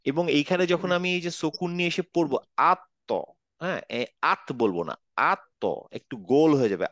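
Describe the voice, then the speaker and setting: A male Quran teacher leads an online pronunciation lesson. He speaks patiently and says each letter sound again and again for his students. His voice sits a little high, recorded dry and slightly dull. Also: very animated, fast, no room sound. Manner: patient, demonstrates sounds by repeating them.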